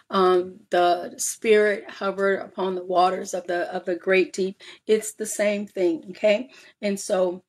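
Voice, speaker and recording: A woman talking through a Bible passage in a relaxed, conversational way. She keeps checking in with "all right?" and "right?", drifts through "um"s, and moves between reading verses and explaining them as if to a small group. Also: medium pitch. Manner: reads scripture aloud then explains with frequent "all right?" and "um". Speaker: Bible study teacher.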